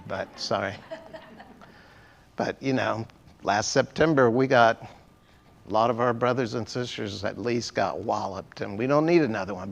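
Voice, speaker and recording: A man's voice: on the low side, vocal fry. A male pastor giving a sermon in a church, conversational and asking the congregation questions. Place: church sanctuary.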